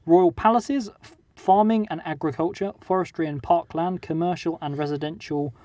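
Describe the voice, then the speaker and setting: A man's voice: on the high side, steady tone, moderate pace, warm tone, no room sound. A man, co-hosting a casual podcast, who reads out facts with chuckles and small stumbles. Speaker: podcast co-host reading facts.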